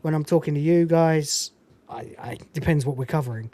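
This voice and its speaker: With a fairly high pitch and a fairly quick pace, a podcast host chats through a casual movie review, recorded without echo. His delivery is lively, peppered with swearing and film quotes done in exaggerated voices.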